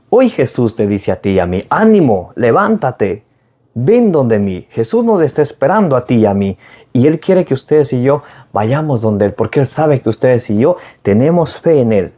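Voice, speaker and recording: A man preaching a gospel reflection, often restarting phrases with fillers and lifting his voice when quoting cries. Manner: frequent fillers and repeated restarts; raises pitch when quoting shouts.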